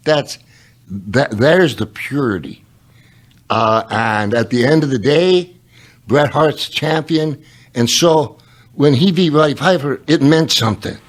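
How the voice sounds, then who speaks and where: A man hosting a podcast, a former pro wrestler telling ring stories in a loose, animated way full of restarts. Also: on the high side. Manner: animated, rambling storyteller with many restarts. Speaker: podcast host. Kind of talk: casual interview chat.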